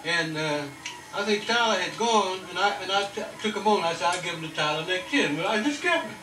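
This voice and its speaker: Older man, fairly high voice, halting recollections, old VHS camcorder audio, roomy and distant, music loud behind. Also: animated. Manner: halting, repeats words while recalling. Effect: old home VHS tape sound. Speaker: older relative reminiscing. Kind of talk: casual family chat. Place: home living room at a family party.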